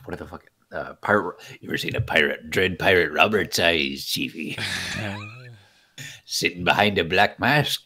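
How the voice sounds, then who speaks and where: A man voicing a masked pirate who talks in a disguised deep voice, gruff and sarcastic. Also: sharp tone, heavily acted. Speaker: podcast co-host. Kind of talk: casual chat among friends.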